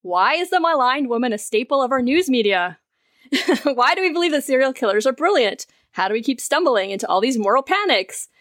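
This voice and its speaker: A woman's voice: high-pitched, very animated, a little fast, a bit bright, dry recording, studio quality. A woman hosting a podcast, speaking in an easy, conversational way. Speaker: podcast host. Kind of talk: casual chat and prepared guest introduction.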